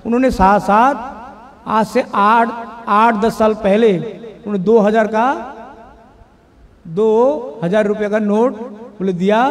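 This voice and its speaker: A man with a high voice gives a devotional sermon, telling a story in a conversational way. Between the spoken parts he chants verses slowly. The sound rings with the long reverb of a hall. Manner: conversational, chanting Bengali verses in a slow melody between Hindi explanation. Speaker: kirtan and katha preacher.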